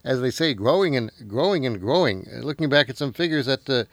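A man with a medium-pitched voice hosts a financial radio programme. The sound is dry, with hardly any room. He moves between announcer-style delivery and conversational interview questions. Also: expressive, fairly quick, dry recording. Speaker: host of a live financial radio show.

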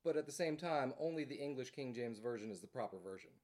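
An easygoing male host chats in a relaxed, agreeable way and often drops in short agreements. His pitch moves freely and sounds animated. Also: fast talker. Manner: easygoing, agreeable, frequent backchannel. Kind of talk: casual conversation.

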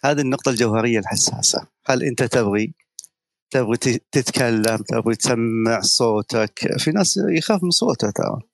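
A middle-aged man talks quickly, his words tumbling out in a steady rush. His pitch sits at an ordinary middle level. He argues his points persuasively, like a seasoned media guest. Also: vocal fry, no echo. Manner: persuasive, lecturing, tells anecdotes. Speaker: guest speaker, media professional. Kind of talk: spoken talk on an audio chat room.

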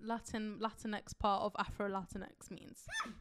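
Deadpan, joking young woman. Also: mid-range voice, measured pace. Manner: deadpan, teasing jokes. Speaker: podcast co-host. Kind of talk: casual chat.

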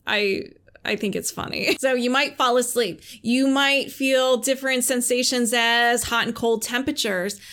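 Brief: woman podcast host, casual explainer, slightly high voice, lively and chatty. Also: normal speed. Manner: chatty, acts out quoted voices, laughs easily. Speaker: podcast host and Reiki practitioner.

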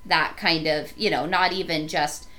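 Brief: woman co-host with a slightly low voice, earnest and explanatory in casual chat. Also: steady tone, measured pace, pushed and bright. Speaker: podcast co-host. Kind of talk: casual conversational podcast.

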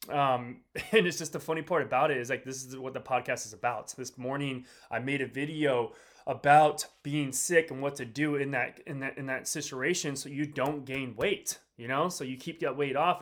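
A man's voice: mid-range voice, fairly quick. A man who is sick and drained, hosting a casual motivational fitness podcast with slangy, repetitive, rambling direct address. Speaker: podcast host, fitness coach. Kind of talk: casual motivational podcast talk to a live audience.

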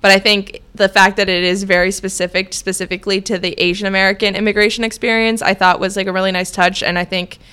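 Giggly young woman with a smooth voice. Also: mid-range voice, flat delivery, fast talker, few pauses, pushed and bright. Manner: rambling, giggly, lots of fillers. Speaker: podcast co-host. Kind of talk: casual chat.

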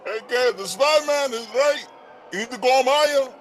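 A man playing a high, jittery spy contact. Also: moderate pace. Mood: urgent. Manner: rambling, urgent, offbeat. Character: jittery male spy contact, excitable and odd.

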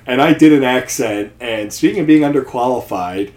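A man's voice: mid-range voice, normal speed, a little mellow. A man, a guest, chatting casually with dry, self-deprecating humor and frequent restarts. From New Jersey. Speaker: podcast guest, seminary student and accountant. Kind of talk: casual chat. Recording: echoey room.

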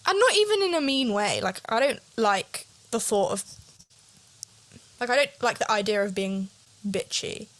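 A woman's voice: mid-range voice, lively intonation, moderate pace, a bit bright. A nervous young woman co-hosting a casual podcast, rambling and self-conscious as she chats. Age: young adult. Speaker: podcast co-host. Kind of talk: casual chat.

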